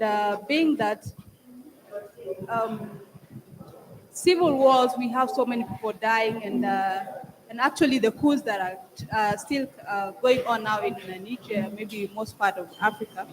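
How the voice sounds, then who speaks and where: A young woman from South Sudan, a student, asking a long question at a forum, hesitant with many fillers and restarts. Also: fairly high pitch.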